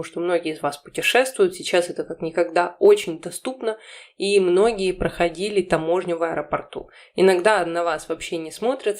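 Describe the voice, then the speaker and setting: Lower-pitched woman teaching a language lesson. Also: a little mellow. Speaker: English teacher, channel host. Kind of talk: informal explanatory language lesson.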